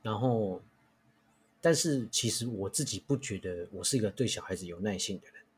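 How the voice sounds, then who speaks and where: A man's voice: fairly low pitch, normal speed, breathy edge. A young adult man with a Taiwanese Mandarin accent, a podcast host chatting casually and telling stories with many restarts and fillers. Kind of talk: casual chat.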